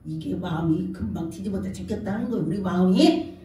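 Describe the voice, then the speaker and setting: A woman's voice: on the low side, fairly quick, dark tone. A woman pastor preaching a sermon, telling stories and acting out the quoted speech. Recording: echoey hall from far off.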